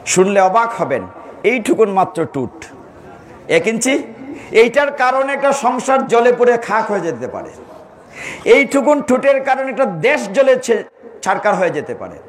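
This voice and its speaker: A man's voice: very high voice, sing-song, moderate pace, long pauses. A man giving a devotional sermon, telling stories, asking his listeners questions and acting out quoted lines. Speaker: preacher.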